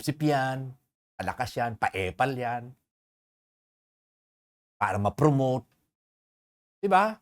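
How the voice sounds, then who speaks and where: A preacher giving a sermon, who keeps asking the congregation questions, mixes English phrases into the talk and reads scripture slowly and with emphasis. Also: medium pitch, sing-song. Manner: asks the congregation rhetorical questions.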